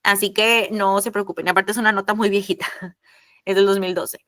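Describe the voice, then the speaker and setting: A woman's voice: medium pitch, steady tone, a little fast, a bit bright, dry recording. A woman teacher, explaining a lesson in an online class, chatty and addressing the students directly.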